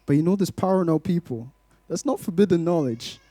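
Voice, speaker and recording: A Glasgow man in his twenties, originally born in Malawi, stands before a congregation as a guest speaker, sharing testimony and, in places, rhythmic spoken-word poetry. His voice is a little high but warm and at ease, and his phrasing is measured and rhythmic. There's no room sound at all.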